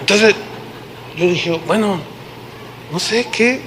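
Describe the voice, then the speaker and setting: A middle-aged man with a Mexican accent, preaching a sermon and telling a story, acting out the quoted dialogue with shifts in pitch and volume. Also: slow pace, fairly bright tone, a little hiss or hum. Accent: Mexican Spanish. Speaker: pastor.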